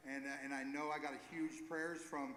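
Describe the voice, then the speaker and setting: A man leading a recovery ministry gives an informal, earnest church talk, halting and correcting himself as he goes. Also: fairly high pitch, flat delivery, a bit bright. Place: church sanctuary. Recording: echoey hall with long reverb.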